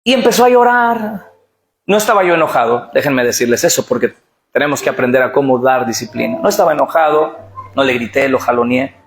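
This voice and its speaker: A man's voice: mid-range voice, fast. A middle-aged man preaching a sermon, urging the congregation to repeat phrases aloud. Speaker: pastor. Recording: echoey church hall with music.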